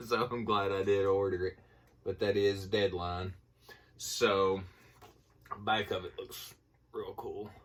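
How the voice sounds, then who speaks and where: Low-voiced man with Appalachian hillbilly accent. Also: fairly even intonation, takes it slowly, pauses often, fairly bright tone. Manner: folksy, informal. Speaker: movie collector showing a haul. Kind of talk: casual rambling haul vlog. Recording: voice distant from the mic.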